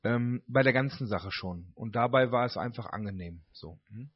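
A man with a husky voice reads a gentle written reflection aloud. Then he explains it plainly. The recording is muffled and lo-fi. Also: medium pitch, moderate pace. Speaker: participant. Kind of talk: reading a written meditation aloud. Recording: dull lo-fi sound.

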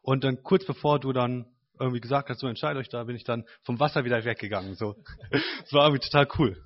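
A man's voice: mid-range voice, quick pace. A man in a group session telling what he felt, then reading his own written text aloud. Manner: relaxed, loose with fillers. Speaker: participant. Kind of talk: casual sharing and reading aloud. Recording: dull lo-fi sound.

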